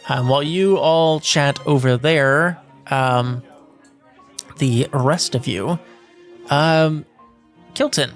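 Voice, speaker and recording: A man's voice: a little high, slow pace, long pauses, soft background music. A man narrating as game master of a tabletop game, rambling and filling gaps with 'like' and 'um'.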